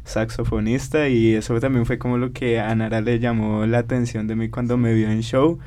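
Man, musician guest, relaxed storytelling, medium pitch, faint hiss behind. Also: normal speed. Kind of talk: casual interview answers.

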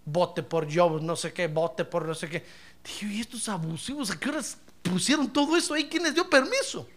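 A middle-aged man preaching a sermon as pastor, telling stories and calling his listener brother, swinging from hushed asides to loud praise. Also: sits high, moderate pace. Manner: animated storytelling, addresses listener as brother, swings from hushed to shouting. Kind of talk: sermon with anecdotes.

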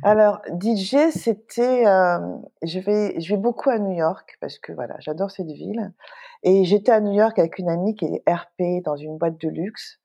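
A middle-aged woman, a guest entrepreneur, telling an anecdote in a lively, animated way with plenty of fillers. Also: mid-range voice, moderate pace, breathy edge. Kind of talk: casual storytelling in an interview.

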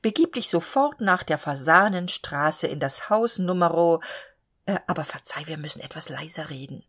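A woman's voice: on the low side, a little slow. A woman voicing a sly, self-assured male cab horse in a spoken storybook. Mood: smug. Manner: calm, self-assured, scheming.

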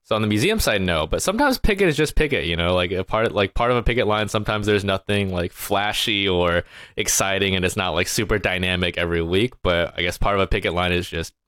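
A man's voice: low voice, expressive, fast, fairly bright tone, no room sound, clean studio sound. A man co-hosting a casual podcast chat, easygoing and hesitant, full of fillers. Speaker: podcast co-host.

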